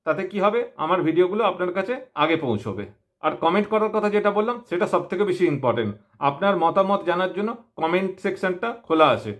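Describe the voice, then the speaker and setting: Bengali guy from west bengal talking fast thru a face mask, kinda high voice, intro to his viewers. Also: expressive, fairly bright tone. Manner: speaking through a face mask. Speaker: YouTube opinion channel host. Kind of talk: self-introduction talk to viewers.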